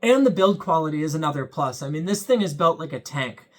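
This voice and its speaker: A young man reviews a weather radio on his own channel, talking casually and earnestly in plain language with lots of ums. His voice is fairly high, animated, and a little quick.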